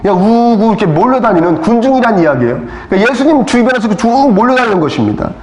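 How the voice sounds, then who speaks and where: A male pastor delivers a sermon in a fairly high voice that swings widely in pitch. He peppers it with questions to the congregation and acts out voices from the story. The sound rings in an echoey church hall. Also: big pitch swings, quick pace, a little mellow. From South Korea. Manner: preaching with rhetorical questions and calls of amen; acts out crowd voices and rebukes. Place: church sanctuary.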